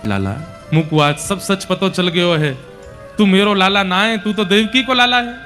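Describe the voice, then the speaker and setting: A man voicing a grieving elderly village mother, speaking softly and pleading through sorrow. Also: sits high, animated, unhurried, soft background music, heavily acted. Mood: grief-stricken. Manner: soft pleading, choked with sorrow.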